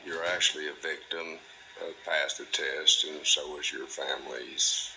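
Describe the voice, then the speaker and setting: A man hosting a monologue, talking slowly and deliberately in a drawling, folksy way. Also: level tone, sharp tone, slight background noise, rough recording. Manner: drawling, folksy, mimics a delighted parent in a high voice; slow, deliberate delivery. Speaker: host. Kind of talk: monologue to camera.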